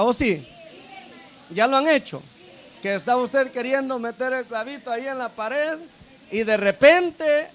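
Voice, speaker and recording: A man's voice: very high voice, fairly bright tone. A deacon preaching a sermon, checking in with the congregation through repeated tag questions, calling them brother and sister, and restarting his phrases. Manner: addresses listeners as brother and sister.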